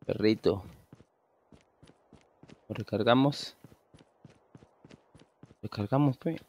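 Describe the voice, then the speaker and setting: Over a headset in a small home room, a man in his thirties with a Venezuelan Spanish accent makes casual gameplay chat, rambling along with easy restarts. His fairly low voice moves very slowly, and the audio has its highs cut off.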